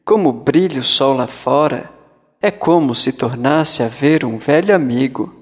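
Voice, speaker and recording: A man's voice: medium pitch, unhurried, husky, in a large hall. A man voicing a cheerful, oblivious father who exclaims gladly. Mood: joyful.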